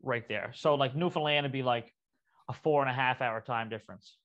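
A man with a Cape Breton accent chats casually at a rapid clip. He is blunt and foul-mouthed, rambling from one story to the next. The sound is slightly dull and lo-fi. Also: mid-range voice, a bit bright. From Cape Breton, Nova Scotia, Canada. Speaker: comedian guest. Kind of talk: casual chat.

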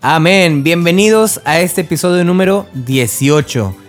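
A man's voice: a little high, animated, unhurried, soft background music. Chatty Mexican man hosting a podcast. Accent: Mexican Spanish. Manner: chatty, addresses the listener directly. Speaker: podcast host. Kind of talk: casual religious podcast reflection.

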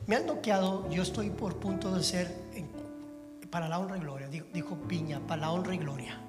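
Man, evangelist preaching, hushed asides rising to fervent shouting, long hall reverb, music playing behind. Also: high voice, fairly quick. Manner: swings from hushed near-whispers to loud fervent preaching; humorous asides to the congregation. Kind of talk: sermon.

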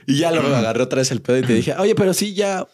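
A man's voice: medium pitch, racing. A young man with a Mexican accent, co-hosting a podcast in casual chat, teasing and slangy. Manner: teasing, laughs often, slangy. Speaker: podcast co-host.

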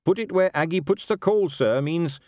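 A man voices an earnest young watch captain in a story, pitching his moderately paced, darkish voice above his natural register. The performance is lightly acted: polite, honest, respectful, firm and a little wooden. The recording is studio quality with no echo.

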